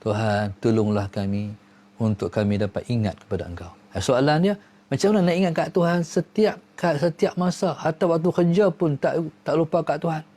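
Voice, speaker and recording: A man giving a religious lesson, reciting Arabic prayers and swinging from low murmurs to high exclaims. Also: expressive, a little fast, warm tone. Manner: recites Arabic prayers within his talk. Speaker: religious teacher.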